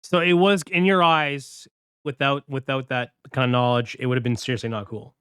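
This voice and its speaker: A man hosting a casual podcast, passing the turn to each guest and reacting with drawn-out okays. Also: medium pitch, fairly even intonation, fairly bright tone, smooth, dry recording, studio quality. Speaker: podcast host. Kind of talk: casual chat.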